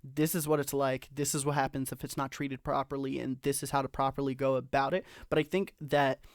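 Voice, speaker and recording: Brief: man, podcast co-host, mid pitch, dry close sound, reflective and opinionated. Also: flat delivery, brisk, dry recording. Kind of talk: casual chat.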